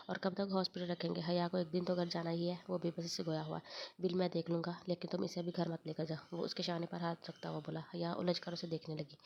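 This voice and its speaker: A woman's voice: lowish voice, creaky. A woman reading a romance novel aloud, narrating and speaking every character in her own voice. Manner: quick, even reading, voicing all characters in her own voice. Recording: dull lo-fi recording with faint noise.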